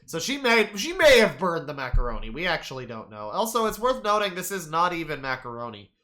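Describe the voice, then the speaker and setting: A man streaming profane reaction commentary on a cooking video, jumping from loud outbursts to mumbled asides and stammering as he riffs. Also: a little high, very animated, brisk. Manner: stammers and restarts while riffing.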